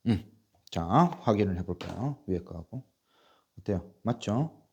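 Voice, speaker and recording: Low-voiced guy teaching english, spelling stuff out super slow, patient and repetitive, coughs a bit from a bad chest. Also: vocal fry, warm tone, slight background noise. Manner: spells words letter by letter, slowly and deliberately; patient, repetitive, asks and answers himself. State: coughing, bronchial trouble. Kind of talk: slow spelling drill lesson.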